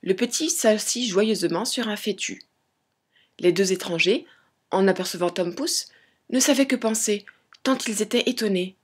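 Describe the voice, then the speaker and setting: A woman reading a fairy tale aloud as a storyteller, in a gentle, measured way. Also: medium pitch, slightly rough.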